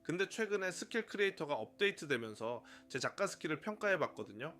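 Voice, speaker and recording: A man narrating a scripted tutorial for his own channel in a brisk, upbeat, explanatory way, counting off numbered points. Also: on the high side, big pitch swings, bright, forceful tone, faint music behind. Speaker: YouTuber running a one-person media channel.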